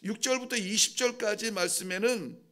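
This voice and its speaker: A man's voice: sits high, normal speed, pushed and bright. A male pastor giving an early-morning sermon in a conversational preaching manner, now and then acting out heartfelt pleas.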